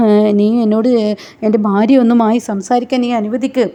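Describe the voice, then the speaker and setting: A woman's voice: on the high side, fairly even intonation, moderate pace, lightly acted. Woman voicing a desperate remorseful husband. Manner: shouting, pleading.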